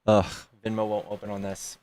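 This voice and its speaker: A streamer in his thirties chats casually on a livestream, joking with chat and reading donations aloud. His voice is fairly low, darkish and monotone, and he talks a little fast.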